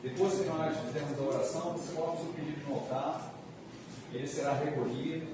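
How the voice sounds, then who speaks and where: Brazilian pastor preaching in a very echoey hall. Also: male voice, on the high side, steady tone. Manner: emphatic repetition with drawn-out phrases. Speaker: pastor preaching to his church. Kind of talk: church sermon. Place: large reverberant church room. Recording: echoey hall, distant mic, noisy.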